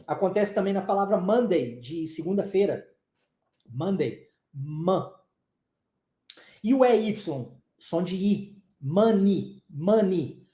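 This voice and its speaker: A man with a Southeastern Brazilian Portuguese accent teaches English pronunciation in a live online class, explaining casually and chatting as he goes. He often checks in with students using "tá?" and coughs now and then. His voice sits high, and the room is echoey.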